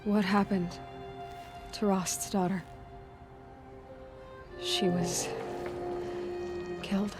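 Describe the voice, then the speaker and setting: Aloy, earnest young huntress, over music. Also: female voice, medium pitch, steady tone, very slow, pauses often. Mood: intent, troubled. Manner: intent, probing, restrained questioning. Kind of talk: naturalistic video game acting. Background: background music.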